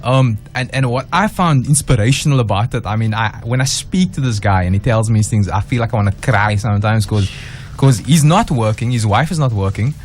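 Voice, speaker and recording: A man's voice: mid-range voice, brisk, hardly any pauses, slight background noise. A man speaking as a radio guest about a boxing club he helps, earnest and rambling. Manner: earnest, rambling, many fillers. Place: radio studio.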